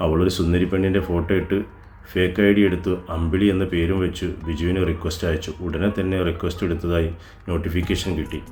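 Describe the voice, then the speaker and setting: A man reading a romantic audiobook story in a steady, measured way. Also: sits low. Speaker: narrator. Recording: roomy echo, faint music behind.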